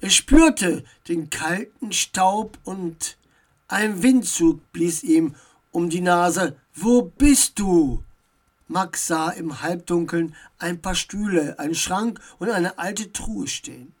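A woman narrating a children's audiobook in a measured, expressive storytelling manner. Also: lowish voice, slightly rough.

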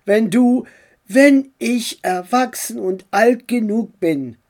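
A woman's voice: on the high side, takes it slowly, darkish tone, voice pushed up. A woman voicing a curious, stubborn young boy who keeps pressing with questions in a storybook reading. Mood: eager questioning. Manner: questioning, insistent.

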